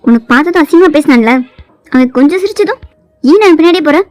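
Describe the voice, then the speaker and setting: A woman's voice: high-pitched, lively intonation, fast talker, a little mellow, dry recording, faint music behind, voice pushed up. A woman voicing a short-tempered young man who scolds sharply, in a fan fiction voiceover. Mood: angry.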